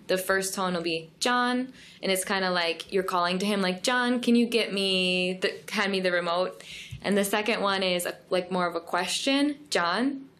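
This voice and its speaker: A woman's voice: on the low side, a bit bright. A woman guest on a podcast, explaining things in a friendly, chatty way and laughing easily. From United States. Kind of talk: casual podcast interview.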